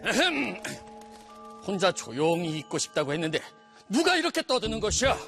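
A pompous military commander for a children's cartoon, pitched high and swinging widely in tone. He is stern and issues orders in grand, archaic phrasing, with clear music behind him. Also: big pitch swings, normal speed, fairly bright tone, exaggerated voice. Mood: irritated, stern. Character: pompous, stern general commanding the body's temperature headquarters. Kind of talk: children's educational cartoon acting.

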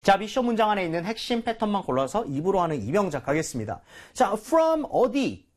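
Male English teacher, husky and very animated, patient quizzing style. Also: sits high, fairly quick. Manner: patient, quizzing, explains and corrects. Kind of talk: English lesson with a student.

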